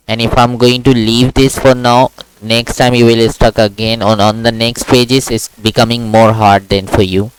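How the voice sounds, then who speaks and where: A man teaching a Quran class online to a child, patiently repeating words slowly for the student to copy. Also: mid-range voice, a little hiss or hum, rough recording. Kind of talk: one-on-one online lesson.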